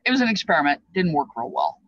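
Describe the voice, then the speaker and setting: An older woman past her fifties explains feast dishes from a small, cluttered indoor craft room, recorded by a webcam at desk distance. Her low voice swings hugely in pitch, moves quickly, and sounds a bit bright and slightly rough, with a dry recording and the highs cut off. She talks informally and reflectively, rambling and reminiscing.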